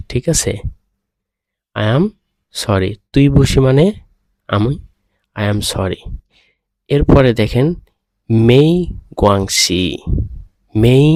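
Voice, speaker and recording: A man with a Bangladeshi Bengali accent teaching a beginner language lesson, explaining slowly and checking in with "okay?" after each point. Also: medium pitch, a little mellow, no echo. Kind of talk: screen-recorded lesson explanation.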